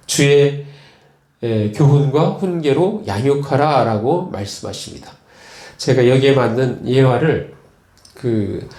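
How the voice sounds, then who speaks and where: A male pastor preaching a sermon, retelling stories slowly with frequent fillers and repeated words. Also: mid-range voice, darkish tone, roomy sound. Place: church.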